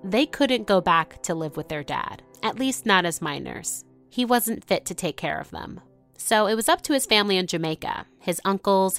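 A woman's voice: on the low side, fairly bright tone, smooth, dry recording. Woman narrating a documentary story. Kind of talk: scripted narration.

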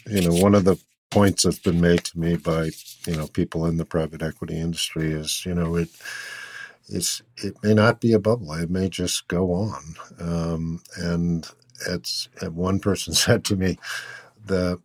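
A male host with a very deep voice speaks in an unhurried way, hesitating often and leaning on fillers. The sound is close and dry. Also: fairly even intonation, a little mellow, dry recording. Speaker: interview host. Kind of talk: conversational interview.

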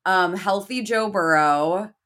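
A woman's voice: medium pitch, slow pace, a bit bright. A woman guest on a podcast in casual chat, sick with a nasal voice, glum and self-deprecating.

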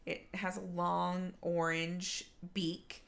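A woman's voice: fairly low pitch, little pitch movement, extremely slow, vocal fry, a bit bright, reverberant. A woman co-hosting a podcast in casual chat, laughing often and trailing off with fillers. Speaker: podcast co-host.

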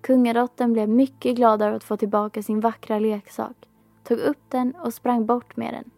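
Woman, fairy tale reader, calm and measured, slightly high, gravelly, dry close sound, faint music. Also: dry recording. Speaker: storyteller. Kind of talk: fairy tale read aloud.

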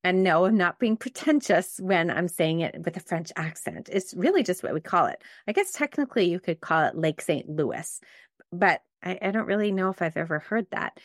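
A middle-aged woman talks through her solo podcast in a warm, chatty and reflective way. Her voice sits a little low for a woman. The sound is close and dry, with no room around it. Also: animated, fairly quick, few pauses, no room sound. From Montreal, Canada. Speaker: podcast host. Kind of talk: casual solo podcast talk.

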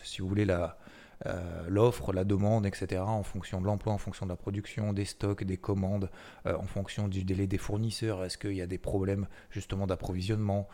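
A man with a low, mellow voice hosts a weekly market recap. His commentary is casual and chatty, loose in style, full of fillers, restarts and repeated words.

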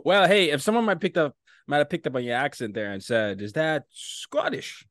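A man hosting a podcast interview, introducing his guest with enthusiastic, animated delivery and big swings in loudness. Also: a little high, brisk, no room sound, studio quality. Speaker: podcast host.

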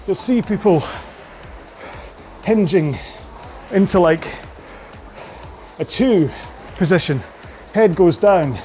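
A man coaching an indoor rowing workout, giving slow, measured cues about posture and pace. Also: high voice, expressive, warm tone, soft background music.

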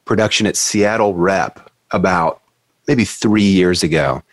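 Low-voiced male interviewer, close and dry. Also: unhurried, no echo. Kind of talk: reflective interview conversation, quoting passages.

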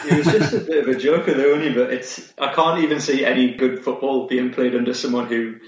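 A man's voice: mid-range voice, fairly even intonation, brisk. A man co-hosting a casual football podcast, laughing often as he reels off old season stats. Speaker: podcast co-host presenting a history segment. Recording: roomy, dull lo-fi sound.

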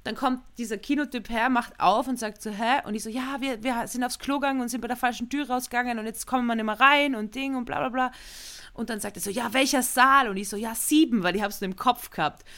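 A woman, co-hosting a casual podcast and telling an animated anecdote full of slang and swearing. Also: on the high side, fast. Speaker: podcast co-host.

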